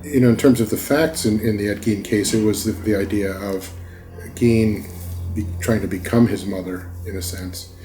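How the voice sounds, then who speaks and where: A man's voice: fairly low pitch, moderate pace, mellow, low-quality recording. A man in a documentary interview, reminiscing in a rambling way with many fillers and restarts.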